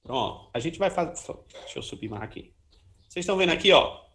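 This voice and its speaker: Guy teaching trombone, sings little da da syllables, slightly high voice. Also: lively intonation, fast, a bit bright. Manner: chatty, sings syllables, many "ó" and "né" tags. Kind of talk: informal music lesson.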